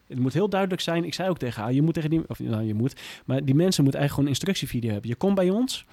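A man's voice: on the high side, lively intonation, rapid-fire, a little mellow, no room sound. Blunt, plain-spoken Dutch man. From Groningen. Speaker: guest, former police officer. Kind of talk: candid interview talk.

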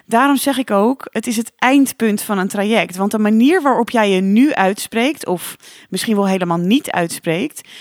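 A woman hosting a solo podcast as a coach, talking in a calm, reflective and encouraging way with the odd filler sound. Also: on the high side, dry recording, clean studio sound.

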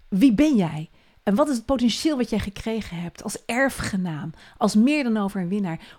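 A woman speaks straight to the listener on a devotional podcast. She is earnest and encouraging, and her voice sits at a middle pitch. She often sinks to a soft hush.

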